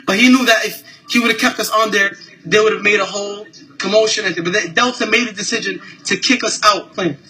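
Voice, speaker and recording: A man's voice: high voice, brisk, pushed and bright. A man filming himself on a phone at an airport, upset and tearful, talking in a heated, repetitive rant full of cursing. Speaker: passenger filming an incident. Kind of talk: agitated first-person vlog rant. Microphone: handheld phone camera.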